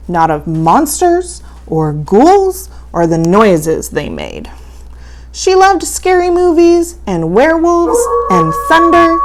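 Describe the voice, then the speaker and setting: A woman reading a children's story as a campy horror host, with dramatic, playfully spooky, drawn-out delivery. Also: fairly high pitch.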